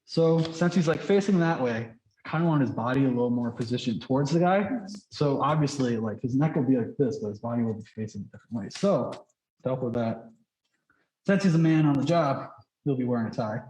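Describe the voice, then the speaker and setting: A man teaching drawing through a face mask speaks fairly quickly in an expressive, slightly mellow mid-range voice. Casual and rambling, he thinks aloud and says "like" often, in a room with an echoey sound.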